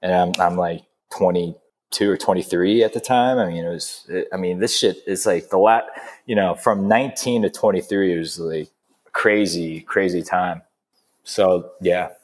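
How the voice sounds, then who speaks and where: A chef and restaurant owner in his thirties chats casually over drinks in a restaurant. He has a low voice and a moderate pace, rambling with plenty of fillers and laughing often.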